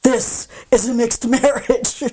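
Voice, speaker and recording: A woman's voice: a little high, flat delivery, takes it slowly, dark tone, breathy edge. A woman interviewing conversationally, in a musing, personal manner.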